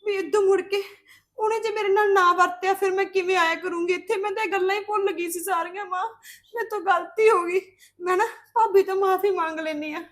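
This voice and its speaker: Remorseful young sister-in-law played by a woman, Punjabi accent, very high voice, pleading. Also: fairly even intonation, a little fast, a bit bright. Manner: apologetic, pleading. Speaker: visiting sister-in-law in a family drama. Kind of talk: scripted family drama acting.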